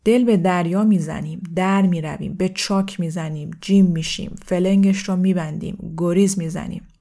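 A carefree young man from a storybook calls out loudly and breezily, teasing his friends along, as a woman narrator voices him. His voice is near the reader's own, only lifted in volume. There is no heavy acting in it. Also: fairly low pitch, fairly even intonation, natural voice. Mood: breezy.

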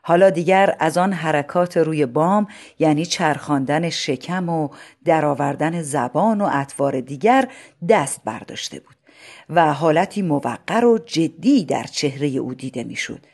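A storyteller reading a story aloud in a measured, even way. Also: mid-range voice. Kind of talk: scripted story narration.

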